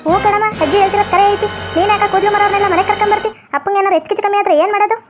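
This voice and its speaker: A woman's voice: very high voice, steady tone, very fast, loud music behind the voice. A woman voicing a teenage granddaughter in college who complains and tattles, in a comedy skit. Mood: complaining. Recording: tinny phone-like sound.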